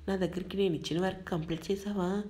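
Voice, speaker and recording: A woman voicing an angry young male boss who scolds and shouts at his assistant. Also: on the low side, steady tone, fast talker, lightly acted. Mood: angry, scolding.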